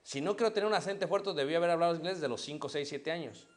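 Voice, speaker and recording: A man's voice: a little high, fast. A middle-aged man preaching a sermon in a Mexican accent. He puts questions to the congregation and answers them himself. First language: Spanish.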